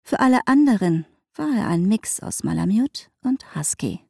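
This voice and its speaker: A woman narrating a novel in an even, measured way. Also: mid-range voice, gravelly, husky, no echo, clean studio sound. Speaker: audiobook narrator.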